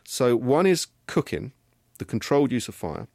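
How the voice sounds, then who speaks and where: A middle-aged man, a genetics professor, answering interview questions in a measured, explanatory way. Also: medium pitch, very animated, darkish tone, dry recording, clean studio sound.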